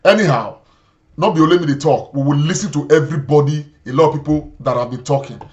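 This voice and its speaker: A man's voice: fairly high pitch, fast talker, darkish tone, lo-fi sound. A man with a Nigerian accent hosting a show, giving indignant political commentary, repeating himself and slipping into Pidgin. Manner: indignant, repetitive, mixes in Pidgin. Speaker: host.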